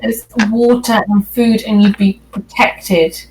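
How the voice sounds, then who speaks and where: A woman's voice: mid-range voice, fairly even intonation, slow. A woman chatting casually as a player in a tabletop role-playing game. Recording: echoey room, faint music behind.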